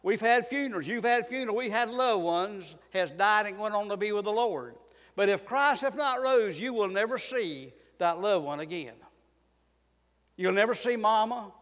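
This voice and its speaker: A man preaching a fervent sermon in church, swinging between quiet and loud passages. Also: high-pitched, lively intonation, normal speed, long reverb tail. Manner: fervent preaching, rising and falling in volume. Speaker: pastor.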